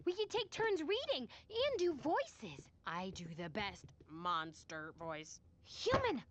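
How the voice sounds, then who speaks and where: A woman voicing an excitable, upbeat teenage human girl in a cartoon, talking in a bubbly, theatrical way. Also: high-pitched, slow, full character voice. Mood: eager. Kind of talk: cartoon voice acting. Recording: cartoon audio with score underneath.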